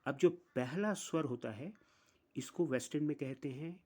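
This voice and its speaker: A man's voice: medium pitch, a little mellow. A man teaching music theory, explaining step by step and counting through the notes one at a time. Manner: slow, deliberate, counts notes aloud one by one.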